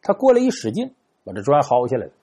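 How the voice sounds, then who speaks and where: Brief: male Beijing storyteller, husky, lively and playful narration. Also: medium pitch, fast talker. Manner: animated, chatty asides, playful. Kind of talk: traditional spoken storytelling.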